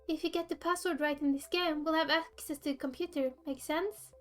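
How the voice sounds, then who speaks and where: Woman reading as eager, brash gamer girl from a visual novel, high-pitched and casual, music underneath. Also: fairly even intonation, fairly quick, lightly acted. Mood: confident. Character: cocky, eager young woman gamer and tech whiz. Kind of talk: read-aloud visual novel dialogue. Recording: music behind the voice.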